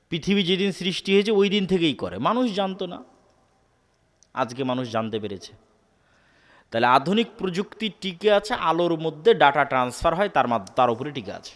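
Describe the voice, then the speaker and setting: A man's voice: on the high side, a bit bright, long reverb tail. A man preaching an Islamic sermon to a live gathering, repeating key words and posing questions for the crowd to answer.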